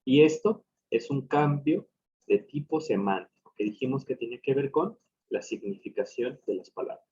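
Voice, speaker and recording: A man's voice: medium pitch, animated, moderate pace, warm tone, slightly rough. A man teaching a lesson, explaining step by step and often checking that his students follow. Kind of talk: recorded class lecture. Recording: dull lo-fi recording.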